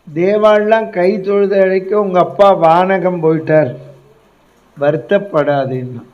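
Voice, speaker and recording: A man voicing a calm, scheming queen mother in a told epic, speaking in a measured, soothing way. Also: high-pitched, dull audio. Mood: cool.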